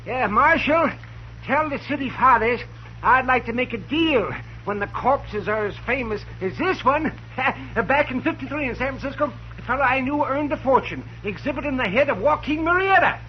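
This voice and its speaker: Radio western: a ghoulish, joking frontier doctor, very high voice, muffled. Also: male voice, expressive, normal speed. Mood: wry. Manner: wry, gleeful about gruesome work. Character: sardonic frontier town doctor. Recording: muffled hissy old radio broadcast.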